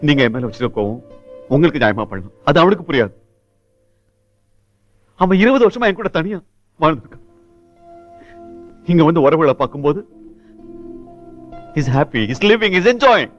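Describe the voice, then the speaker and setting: An actor playing a middle-aged father who speaks in a measured, restrained way. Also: on the high side, very animated. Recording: muffled film audio with music.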